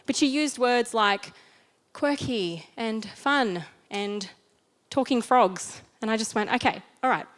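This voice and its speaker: A woman's voice: on the high side, animated, slow. A woman with an Australian accent giving a conversational sermon, telling a personal story in a chatty, self-deprecating way. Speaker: church speaker.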